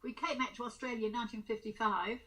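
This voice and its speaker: A very old woman, around a hundred, casually recounting her memories, halting as she searches and repeats words. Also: a little high, fairly even intonation, a bit bright, low-quality recording. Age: very old, about 100. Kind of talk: casual reminiscence.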